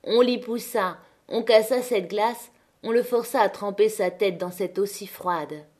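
A woman narrating a classic novel as an audiobook, with measured, dramatic reading. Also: mid-range voice, a little mellow. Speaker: audiobook reader.

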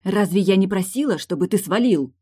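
A woman voicing a furious, sharp-tongued woman on prosthetic legs who shouts and snaps, in an audiobook. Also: lowish voice, fairly quick, no room sound, studio quality, natural voice. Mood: curt. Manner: shouting, snapping.

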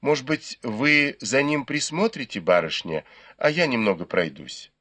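A man voicing a gentle, patient young maid who speaks quietly and politely. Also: mid-range voice, animated, a little slow. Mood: soft, deferential.

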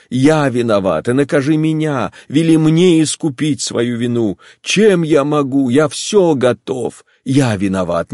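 A man voicing a guilty, tearful husband who pleads in a quiet, timid, trembling voice. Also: medium pitch, no echo, studio quality, natural voice.

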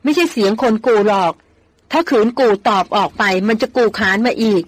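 A gruff male head hunter, voiced by a storyteller speaks bluntly and with no patience for talk of ghosts. He is curt and slow with his words. The recording is dry and close. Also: mid-range voice, lively intonation, dry recording, close to an everyday voice. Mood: warning.

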